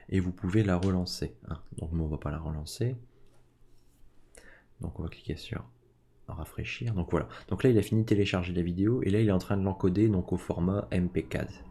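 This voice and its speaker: A man casually talking through a screen-recorded software tutorial, filling his talk with little fillers. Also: deep voice, gravelly, husky. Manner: casual, full of "donc" and "hein" fillers. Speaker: tech tutorial host.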